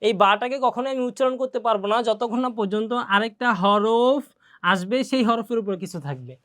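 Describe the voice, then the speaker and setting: A fairly high-voiced woman teaches a Quran reading lesson. She explains each rule patiently, drills syllables one by one and keeps asking her students questions. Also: fairly quick, fairly bright tone. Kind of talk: classroom lesson.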